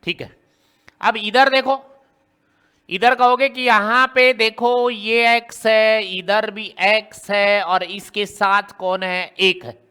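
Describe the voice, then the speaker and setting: A man's voice: high voice, fairly even intonation, takes it slowly, sharp tone, smooth. A man teaching a maths lesson, working through a problem step by step and asking his students question after question. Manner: explains step by step, often quizzing students with rhetorical questions.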